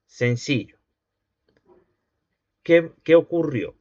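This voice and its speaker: Male lecturer, somewhat high voice, patient and repetitive, dry muffled lo-fi sound. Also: drawn-out words, a little mellow, no echo. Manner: patient, repetitive, asks checking questions. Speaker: linguistics teacher. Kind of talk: university lecture. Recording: dry, dull lo-fi recording.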